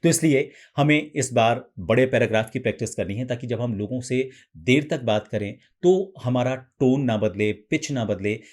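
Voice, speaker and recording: A man coaching voice practice, explaining each step patiently and now and then demonstrating sample lines in a raised, softer pitch. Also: normal speed, few pauses. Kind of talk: instructional explanation.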